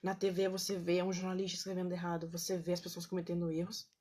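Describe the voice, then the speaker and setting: A woman's voice: lowish voice, completely flat delivery, quick pace, dark tone, husky. A woman, casually teaching on a live stream, chatty, with lots of fillers and checks with her viewers. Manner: greets viewers by name between points.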